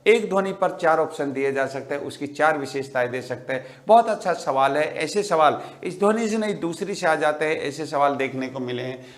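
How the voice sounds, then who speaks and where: Higher-voiced man teaching grammar class. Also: a little fast, hardly any pauses. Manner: repeats key words as rhetorical questions. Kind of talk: exam-prep grammar lecture.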